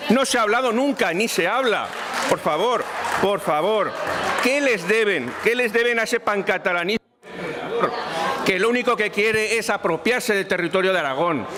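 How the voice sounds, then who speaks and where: A man's voice: sits high, lively intonation, normal speed, crowd noise. A man giving an emphatic parliamentary speech, repeating phrases insistently. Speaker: parliamentary spokesman. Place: parliament chamber. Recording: long reverb of a parliament chamber.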